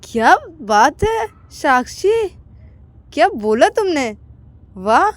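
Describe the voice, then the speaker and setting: Woman doing a young man, teasing, exclaiming, high voice. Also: very animated, slow pace, no room sound, exaggerated voice. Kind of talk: storytelling role-play.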